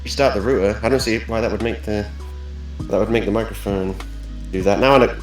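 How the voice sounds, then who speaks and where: A man's voice: fairly low pitch, brisk. Male co-host, jokey and chatty, cave-like echo on his mic, faint music under it. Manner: chatty, joking, lively storyteller. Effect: hollow, cave-like echo on his mic. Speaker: livestream co-host. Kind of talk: casual chat.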